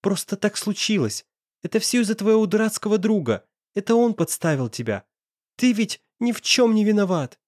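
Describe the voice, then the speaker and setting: A tearful young woman, put on by a male reader, begging in a pitched-up, swooping voice that lurches between high and low. The sound is dry and close. This is storybook narration. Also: very animated, normal speed, a little mellow, no room sound. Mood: pleading. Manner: sobbing, desperate pleading.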